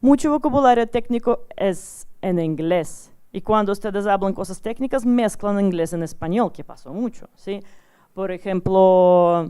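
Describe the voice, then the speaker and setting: Woman, conference speaker, mellow voice, smooth and clear, checks in with the audience. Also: mid-range voice, animated, a little slow. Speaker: speaker giving a talk on English for job interviews. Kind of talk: live conference talk to an audience.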